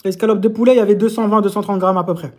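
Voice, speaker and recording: Eating on a live stream, this fitness coach talks with his mouth full, teasing his audience through playful mini lessons and quizzes in a chatty way. He speaks at a racing pace in a high-pitched, steady tone, and the room is reverberant.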